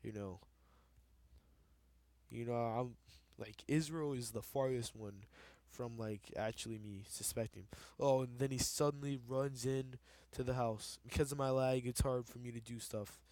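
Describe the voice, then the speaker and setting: A man's voice: mid-range voice, steady tone, measured pace, darkish tone, no echo. A young man giving casual, rambling commentary over his game footage, often tripping over repeated words. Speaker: let's play gamer.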